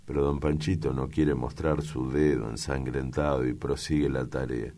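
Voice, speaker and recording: Very deep-voiced male narrator. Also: little pitch movement, normal speed, mellow. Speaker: audiobook reader. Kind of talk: literary narration.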